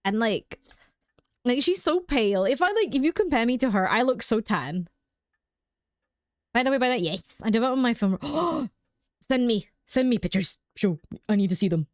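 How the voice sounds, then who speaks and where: This young British streamer has a sing-song voice on the high side and talks at a normal speed, recorded cleanly in a studio with no room sound. Playing a game at home, she chats casually with viewers, laughs a lot and leans on "like" as filler.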